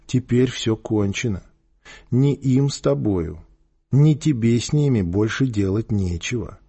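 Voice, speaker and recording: A man voicing a stern, cool-headed boy leader who speaks low and quiet, in a husky voice. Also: expressive, unhurried. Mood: firm.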